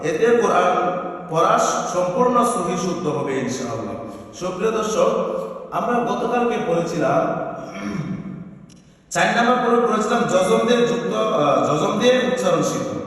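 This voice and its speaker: High-voiced man teaching in echoing hall. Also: a bit bright. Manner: chants letters and verses in slow sing-song. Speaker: Quran teacher. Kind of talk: spelling drill and recitation lesson. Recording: very echoey hall from far off.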